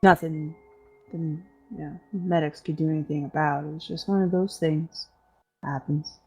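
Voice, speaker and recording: Weary old talking dog acted by a woman, lowish, resigned and matter-of-fact, halting delivery for a fantasy game. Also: steady tone, dark tone, husky, soft background music. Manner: hesitant, understated, matter-of-fact.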